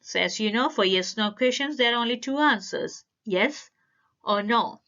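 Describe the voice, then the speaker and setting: A woman giving a language lesson, explaining grammar step by step with careful, deliberate phrasing. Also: a little high, expressive, fairly bright tone, muffled recording. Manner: careful, deliberate word-by-word delivery. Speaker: language teacher. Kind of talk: slow instructional explanation.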